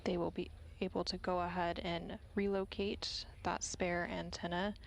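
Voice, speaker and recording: A woman's voice: on the low side, little pitch movement, moderate pace, creaky. A woman giving mission control broadcast commentary on live operations. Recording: faint background noise.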